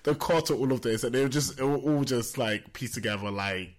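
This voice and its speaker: A young man hosting a podcast, relaxed and chatty, with plenty of fillers, raising his voice to act out quotes. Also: medium pitch, a little fast. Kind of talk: casual podcast chat.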